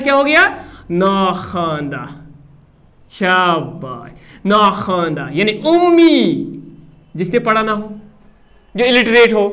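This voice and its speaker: A man's voice: very high voice, fairly bright tone. A male teacher giving a classroom lesson, repeating key words, quizzing his pupils and praising them often.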